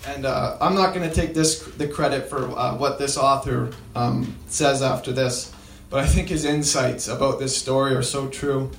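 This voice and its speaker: A man's voice: mid-range voice, steady tone, normal speed, creaky, hardly any pauses, reverberant. A man retelling a story to an audience, with frequent fillers and restarts. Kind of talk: storytelling talk.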